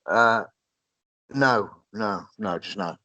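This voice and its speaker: A man's voice: lowish voice, takes it slowly, bright, forceful tone, no room sound, lo-fi sound. Sweary sarcastic man, dry mic. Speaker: podcast co-host. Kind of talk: casual chat reviewing wrestling.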